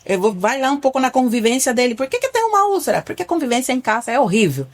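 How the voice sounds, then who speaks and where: This woman, a family doctor from Cuba, talks quickly in a slightly high, sing-song voice with a Cuban Spanish accent. It's a podcast interview, and she comes across as earnest, using patient examples to explain and sometimes starting sentences over.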